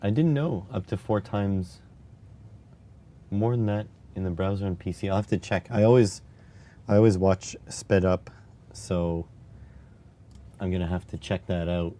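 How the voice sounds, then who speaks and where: A man with a raspy voice live-streaming while testing circuit boards, muttering to himself as he works and reading chat aloud. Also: low-pitched, a little slow, long pauses, warm tone, slight background noise. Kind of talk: casual live-stream electronics tinkering.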